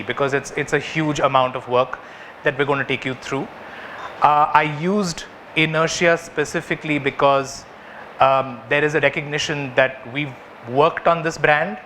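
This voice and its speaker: A man's voice: mid-range voice, bright, forceful tone, slight background noise. A man with a South Indian accent presenting work to clients in a conversational way, often checking in with short rhetorical questions. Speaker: advertising agency presenter.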